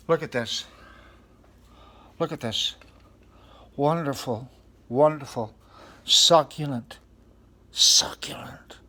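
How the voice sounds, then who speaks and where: A man's voice: fairly high pitch, sharp tone. A man hosting a mock-serious comedy talk show in a studio, earnestly questioning food as if it were a guest.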